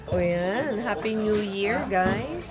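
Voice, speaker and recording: A Filipino woman with a Filipino accent chatting casually to the camera in a travel vlog, mixing English and Tagalog. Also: mid-range voice. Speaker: vlogger.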